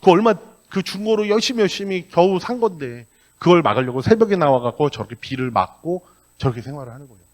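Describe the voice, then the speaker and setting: A middle-aged man preaches a sermon in a church, slipping into blunt, everyday speech. His voice sits fairly high. It swings lively as he acts out the conversations in his stories. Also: fast talker. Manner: animated storytelling with acted-out dialogue; colloquial and blunt. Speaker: pastor. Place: church sanctuary.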